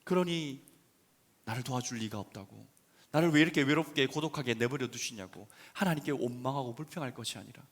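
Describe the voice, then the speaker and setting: A male pastor delivering a sermon in a church, swinging between quiet talk and loud emphasis. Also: medium pitch, brisk. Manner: animated preaching, swinging from soft to loud emphasis.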